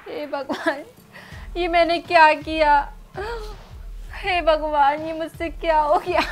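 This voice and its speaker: A woman playing a careless scolding mother, high voice. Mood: grieving. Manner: scolding, shrill when shouting. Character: lazy careless young mother, scolding her children. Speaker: actress in a family skit. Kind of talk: home-made family drama acting.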